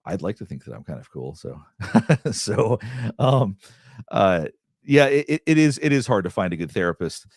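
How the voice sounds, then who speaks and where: This is a fairly low-pitched male voice with big pitch swings, a breathy edge, and a moderate pace. He's a middle-aged therapist from the Southeastern United States, hosting a casual livestream Q&A and rambling through viewer questions with lots of fillers and restarts. The studio-quality audio has no room sound.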